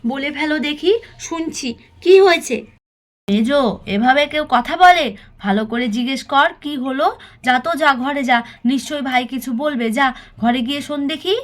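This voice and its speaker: This is a peacemaking elder sister-in-law in a storybook cartoon, as a woman plays her. Her high voice stays coaxing and soothing as she settles the family. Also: unhurried.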